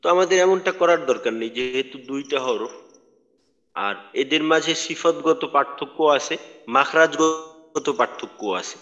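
A man's voice: a little high, moderate pace, a bit bright. A man teaching Quran recitation in an online lecture, patient and explanatory, repeating his points for emphasis. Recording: dull lo-fi audio with long reverb.

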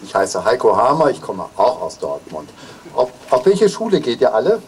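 An older man outdoors on a street asks children questions, holding a handheld mic out to them and gently prompting them. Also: medium pitch, wildly swooping pitch, moderate pace, slight background noise, rough recording. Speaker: interviewer at a ceremony. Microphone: handheld mic held out to others.

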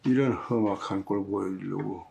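An actor playing a stern, disapproving older father in a TV drama, scolding in slow speech. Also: sits low, fairly even intonation, gravelly, darkish tone, husky, full character voice.

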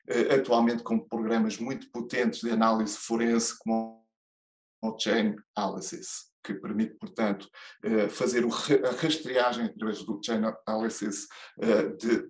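A man's voice: medium pitch, roomy sound. A man with a European Portuguese accent, a judge and lecturer giving a conference keynote, hesitant, with many fillers and restarts.

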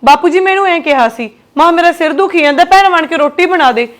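A woman's voice: extremely high pitch, animated, fast talker. A woman playing a defensive younger daughter-in-law who pleads her case to her father-in-law and snaps back at her sister-in-law.

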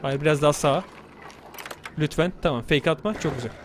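A man's voice: on the high side, a little fast, noisy background. A young man commentating a horror game let's play, muttering to himself and cursing at the game. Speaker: gamer.

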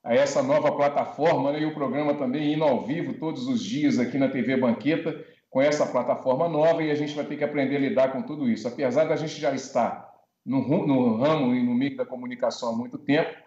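A man's voice: mid-range voice, a little mellow, reverberant. Brazilian man, middle-aged, chatty talk-show host on a dull-sounding video call. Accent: Brazilian Portuguese. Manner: welcoming, chatty, frequent tag questions. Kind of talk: live online talk show. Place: home room with bookshelves.

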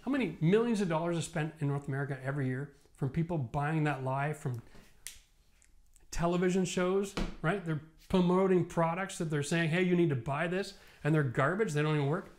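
Emphatic Canadian renovation host at a whiteboard. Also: male voice, on the high side, brisk. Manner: animated, emphatic, rising to passionate rants. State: tired. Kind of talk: casual whiteboard explainer. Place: studio set with whiteboard, indoors. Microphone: lapel mic.

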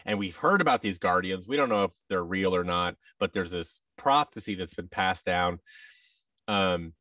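A man in his thirties, an audio drama creator appearing as a podcast guest, chats casually in an interview over a video call from an indoor room. His voice sits low and his pace is moderate, and he animatedly acts out quoted exchanges as he talks. He uses a boom-arm microphone with a headset, and though the recording sounds distant, there's no echo.

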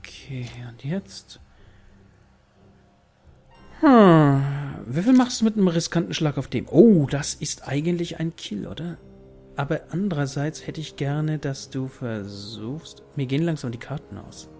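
A man's voice: fairly high pitch, expressive, unhurried, a little mellow. A man giving casual let's play commentary, thinking aloud and muttering to himself as he plays. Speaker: gaming video host. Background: game music.

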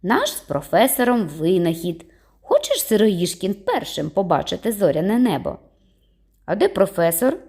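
A woman reading a children's story aloud, voicing the characters in livelier, higher tones. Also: moderate pace. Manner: lively, voices characters with raised pitch. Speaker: audiobook reader. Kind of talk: storybook narration with voiced dialogue.

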